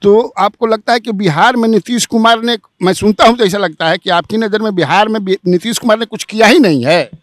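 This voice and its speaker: A man's voice: high voice, fairly quick, few pauses, dry recording, studio quality. A man interviewing, challenging his guest with what critics say. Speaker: journalist interviewer. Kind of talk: interview questioning.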